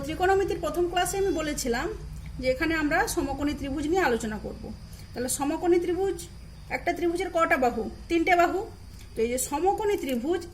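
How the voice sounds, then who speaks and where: A woman's voice: sits high, a little hiss or hum, poor audio. A woman teacher with a Bengali accent giving a recorded math lesson. She is patient, spells out terms letter by letter, and asks questions that she then answers herself. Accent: Bengali, from eastern India. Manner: patient, repeats key terms and spells them out.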